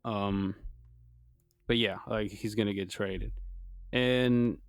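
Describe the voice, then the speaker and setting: Low-voiced man in casual podcast banter. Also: steady tone, slow pace, smooth, no echo, clean studio sound, soft background music. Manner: slangy, teasing, mock-dejected. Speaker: podcast co-host. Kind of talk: casual sports chat.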